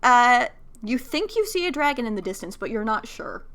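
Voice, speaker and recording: A woman narrating as game master in a casual tabletop game, halting with many fillers and the odd swear. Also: a little high, sing-song, fairly bright tone.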